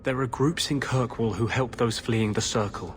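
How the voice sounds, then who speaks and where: A man's voice: medium pitch, normal speed, slight background noise, close to an everyday voice. A man playing a troubled, idealistic rebel mage in a video game, speaking in an earnest and urgent way.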